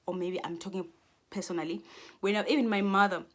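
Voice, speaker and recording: The voice is a woman's, mid-range, steady in tone, and fast. She's a Xhosa-speaking South African vlogger in her twenties, rambling earnestly to camera and restarting often.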